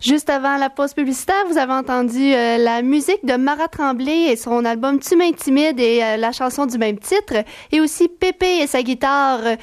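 A woman with a French accent, a native French speaker, presenting casually and haltingly as a radio host. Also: high voice. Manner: hesitant, halting.

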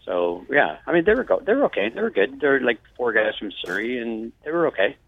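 A man talking in a casual interview over a bad phone connection that breaks up, relaxed and hesitant, with many fillers. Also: mid-range voice, a little fast, gravelly. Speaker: musician guest on the phone. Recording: tinny phone line.

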